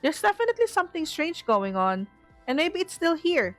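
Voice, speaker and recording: An excitable, easily startled woman with a Filipino accent, playing a horror game for viewers and reading its text aloud. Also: high-pitched, normal speed. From Philippines. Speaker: gaming streamer. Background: game music.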